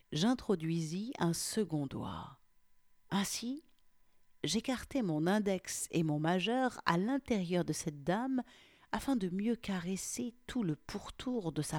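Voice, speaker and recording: A woman reading an erotic story aloud in a hushed, half-whispered delivery, close to the mic. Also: on the low side, no echo. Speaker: narrator.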